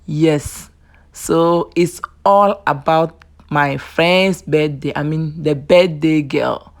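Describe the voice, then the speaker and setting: A woman's voice: low-pitched, slow pace. A woman beauty vlogger chatting casually through a makeup tutorial, affectionate and talkative, often saying "yes" between thoughts.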